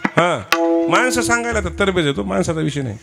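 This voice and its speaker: A man's voice: sits high, expressive, a little fast, creaky. A man with a Marathwada accent preaching a devotional kirtan sermon, questioning and teasing the listeners as he prods the women to answer aloud. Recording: live event with instrument music behind. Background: musical instruments.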